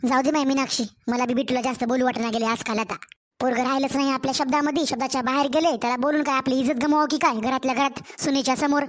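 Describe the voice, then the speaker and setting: Cartoon role: woman as a doting village mother, Marathwada accent, high and fussy. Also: steady tone, racing, natural voice. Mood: resigned. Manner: fond, grumbling, rustic. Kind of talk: cartoon family story acting.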